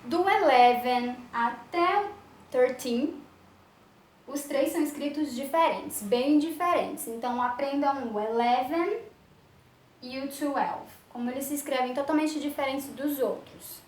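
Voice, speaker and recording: A woman English teacher giving a slow, patient lesson, drawing out her explanations. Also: high voice, darkish tone, slight background noise. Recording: echoey room with faint ambience.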